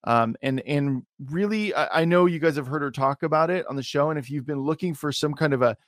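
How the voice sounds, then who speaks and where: A man's voice: a little high, a little fast, no room sound. Casual male podcast host, dry close sound. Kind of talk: casual, enthusiastic show introduction and interview.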